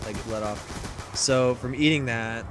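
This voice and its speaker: A man narrates a mishap as casual gameplay commentary. His pitch sits in the ordinary middle range, and he stumbles through restarts and constant fillers, with swearing mixed in. A steady layer of background noise runs clearly under his voice. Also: slow. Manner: rambling, filler-heavy, profane. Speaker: gaming commentator. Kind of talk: casual storytelling over gameplay. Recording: noisy commentary recording.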